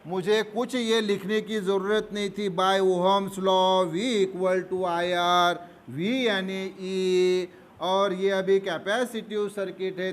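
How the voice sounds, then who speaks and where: A male physics teacher, explaining a problem at the board. He talks patiently, calls his students fondly and answers his own questions. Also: high voice. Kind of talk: board lesson. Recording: faint background noise.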